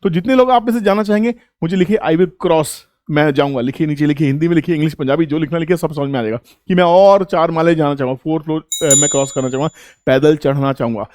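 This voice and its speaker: A man's voice: on the high side, quick pace, a little mellow. A man teaching viewers. He asks them questions and answers them himself, coaxing them along. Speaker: trading educator. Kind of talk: explaining to viewers.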